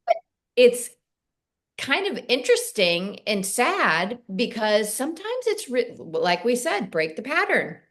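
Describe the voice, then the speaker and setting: A woman co-hosting a casual talk show, animated and quick to swear, often quoting her own thoughts aloud. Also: fairly high pitch. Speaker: co-host. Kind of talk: casual chat.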